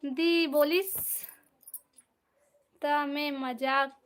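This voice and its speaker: A woman with a Chhattisgarhi accent hosting a casual live stream, reading out viewer comments and gently telling people off. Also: sits high, steady tone, drawn-out words. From Chhattisgarh, India. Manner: reads out and answers viewer comments, scolds gently.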